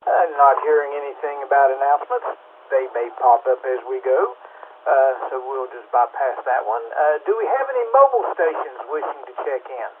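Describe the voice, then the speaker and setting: A man's voice: medium pitch, moderate pace. Man on a staticky two-way radio. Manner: steady, procedural, calls for check-ins. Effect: two-way radio transmission with static. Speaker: net control operator. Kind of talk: amateur radio net, reading a formal preamble. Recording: tinny radio with faint static hiss.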